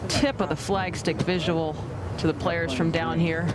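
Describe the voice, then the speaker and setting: Higher-pitched male golf commentator, noisy outdoors. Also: steady tone, measured pace. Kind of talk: descriptive live golf play-by-play. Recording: loud outdoor ambient noise behind voice.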